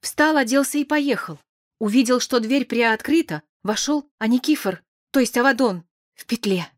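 A woman voicing a young man who is tearful, frightened and talking in a rushed, sobbing way. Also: fairly high pitch, no echo, clean studio sound, pitched above the performer's own voice, close to an everyday voice. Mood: shaken.

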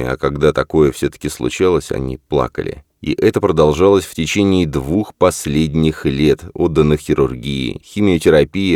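A man reading a novel aloud as narrator in a measured, steady way. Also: a bass voice, no echo, clean studio sound. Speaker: audiobook narrator. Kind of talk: scripted narration.

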